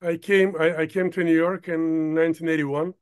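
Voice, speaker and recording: An older man from Ukraine, a producer, talking as an interview guest in a halting way, stopping often to search for words. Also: fairly high pitch, little pitch movement, clear, resonant tone. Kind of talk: casual interview talk.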